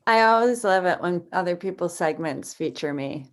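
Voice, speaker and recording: A woman in a casual chat with improv friends, playful and quick to back others up. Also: fairly low pitch, animated. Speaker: improv performer.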